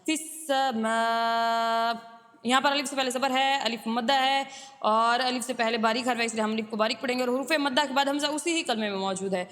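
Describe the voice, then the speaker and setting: In a room that sounds big, a woman with a voice on the high side teaches tajweed as a Quran teacher. She draws out Arabic verses slowly, then shifts to brisk, steady explanations of the rules.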